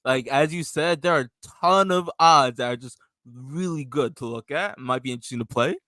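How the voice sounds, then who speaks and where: A man's voice: on the high side, moderate pace, bright, forceful tone, no room sound, clean studio sound. A man who analyzes fights on a sports podcast, talking in an easygoing, upbeat way. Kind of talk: casual sports podcast chat.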